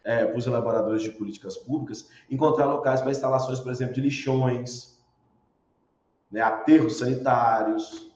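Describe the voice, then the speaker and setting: With a steady tone and moderate pace, a man's mid-range, slightly mellow voice carries a Brazilian Portuguese accent through a recorded online university lecture. He explains as he goes, poses rhetorical questions he answers himself, and adds frequent tag questions, in an echoey room with dull lo-fi sound.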